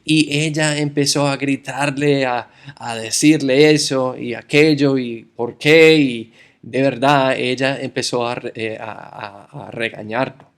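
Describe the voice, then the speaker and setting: A man's voice: medium pitch, fairly even intonation, a little slow, clean tone. A man from the United States preaching a sermon, addressing the congregation as brothers and telling a story from his childhood.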